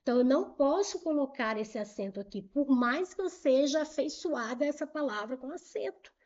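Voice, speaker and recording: A woman's voice: high voice, animated, a little mellow, dull audio. Patient Brazilian woman teaching grammar. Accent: Brazilian Portuguese. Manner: patient, repeats rules slowly, asks and answers her own questions. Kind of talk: exam-prep grammar lesson.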